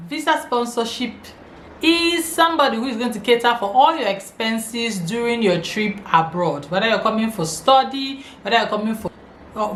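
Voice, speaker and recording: A woman's voice: medium pitch, fairly bright tone. A woman with a Nigerian accent hosting an informal explainer video, speaking emphatically and repeating key phrases. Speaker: video channel host. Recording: echoey room, faint background noise.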